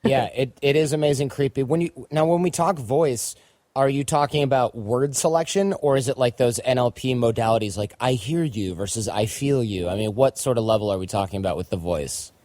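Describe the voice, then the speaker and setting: A man's voice: mid-range voice, a little fast, a little mellow, dry recording. Chatty man hosting a podcast. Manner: casual, chatty, joking asides. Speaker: podcast host. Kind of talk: podcast interview.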